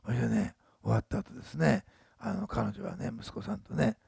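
A man's voice: medium pitch, sing-song, brisk, vocal fry, a little mellow, breathy edge, no echo, studio quality. A man in his sixties, a pastor telling a story in a sermon, chatty, often adding tag words. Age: 60s. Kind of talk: sermon testimony.

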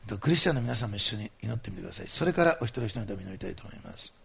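Gravelly-voiced man leading fervent prayer. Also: fairly low pitch, animated, rapid-fire. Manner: fervent, commanding prayer declarations; earnest, coaxing address to listeners. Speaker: pastor. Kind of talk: sermon and healing prayer.

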